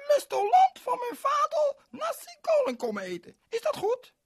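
A man's voice: very high voice, wildly swooping pitch, moderate pace, voice pushed up, full character voice. A man voicing a cheerful, chatty little girl who swaps her r sounds for l in a children's story. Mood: eager.

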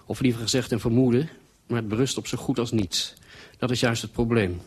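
A man's voice: medium pitch, fairly even intonation, fairly quick, slightly rough, natural voice. Male reader as a suspicious husband, earnest and brooding, in the reader's own voice. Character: anxious middle-aged husband, earnest and suspicious. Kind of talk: storytelling reading.

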